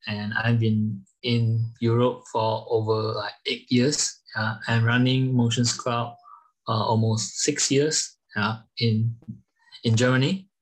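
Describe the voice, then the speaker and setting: A man from Malaysia is being interviewed on a podcast about the company he founded. His voice is slightly husky and stays level and flat in pitch. He pauses often and fills the gaps with "uh" as he works through his answers. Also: low-quality recording. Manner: halting, many fillers, non-native phrasing. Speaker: guest, startup founder and CEO.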